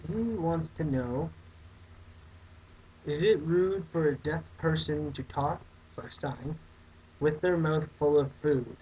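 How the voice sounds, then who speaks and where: A man's voice: on the high side, slow. A young man hosting a casual comedic vlog, answering viewer questions in a rambling, mock-outraged way. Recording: dull lo-fi webcam audio, faint hiss.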